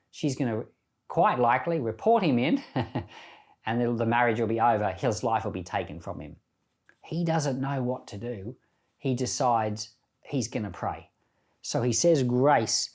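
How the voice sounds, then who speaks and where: Speaking as a pastor, a man offers informal Bible teaching, reflective and conversational, in the manner of someone telling a story. His voice is mid-range and a little mellow.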